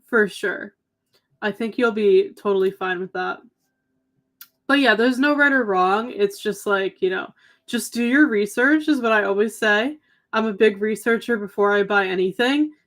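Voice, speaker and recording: Reading out viewer comments on a livestream she co-hosts, a young adult woman chats casually, filling her speech with "um" and "like." Her medium-pitched voice is a bit bright but slightly tired and a little hoarse, as though she's losing her voice.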